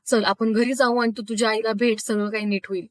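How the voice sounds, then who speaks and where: A woman's voice: on the high side, level tone, brisk, no echo, natural voice. A woman voicing a young husband who is romantic and playful, sweet and teasing. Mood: gentle.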